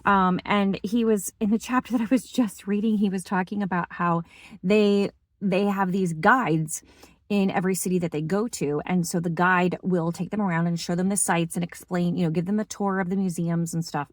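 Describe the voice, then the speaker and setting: A woman's voice: lowish voice, fairly even intonation, moderate pace, dry recording. A woman chatting enthusiastically about her reading in a casual book vlog. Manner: enthusiastic, chatty, lots of fillers. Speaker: book vlogger.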